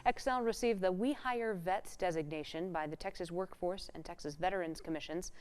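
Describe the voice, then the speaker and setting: A woman anchor reading scripted local news in a measured, formal way. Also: lowish voice, darkish tone, clean tone, soft background music.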